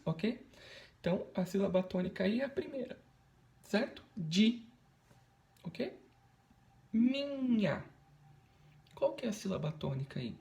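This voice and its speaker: A Brazilian man teaches a recorded video lesson with patience, often checking in through tag questions. His high voice is sing-song, brisk and mellow, with some vocal fry and a Brazilian Portuguese accent.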